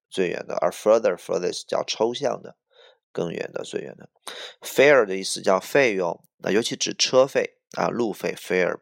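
A man's voice: low-pitched, creaky. A male teacher whose first language is Chinese, going through English vocabulary word by word, explaining each one with example phrases and spelling words out letter by letter.

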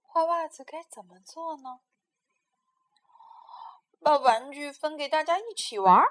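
A woman reading a children's story aloud in a gentle, expressive way. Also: high voice, a little slow.

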